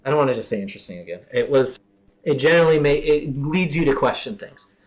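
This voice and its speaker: A man's voice: medium pitch, lively intonation, fast. A man co-hosting a casual podcast chat, rambling and often correcting himself mid-sentence. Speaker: podcast co-host.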